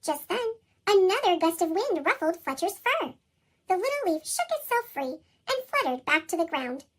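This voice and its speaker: A woman reading a children's storybook with expressive delivery, her voice shifted up by a chipmunk effect. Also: normal speed. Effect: pitched-up chipmunk voice effect. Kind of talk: scripted read-aloud storybook narration.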